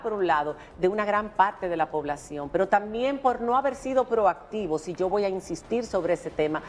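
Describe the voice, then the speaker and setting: A woman's voice: mid-range voice, a little mellow, big-room sound, slight background noise. A woman with a Dominican accent giving opinionated news commentary as a talk show host, emphatic and insistent.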